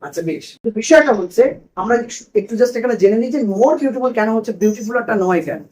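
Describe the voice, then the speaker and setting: A man's voice: high voice, animated, fast talker, a little mellow, low-quality recording. A man teaching a grammar lesson to a class in a classroom, asking questions and repeating the students' answers.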